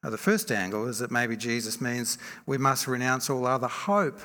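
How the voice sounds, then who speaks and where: A man preaching a sermon in a church, measured and reflective, often asking rhetorical questions. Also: mid-range voice, sharp tone. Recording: long reverb from a large hall.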